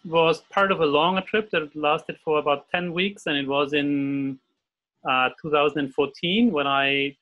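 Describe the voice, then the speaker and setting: Over dull-sounding video call audio, a guest illustrator in his forties with an Austrian German accent chats hesitantly, often using fillers and starting over. His voice is a little high and steady, and he keeps a measured pace. He's at his desk in a room at home for this casual interview.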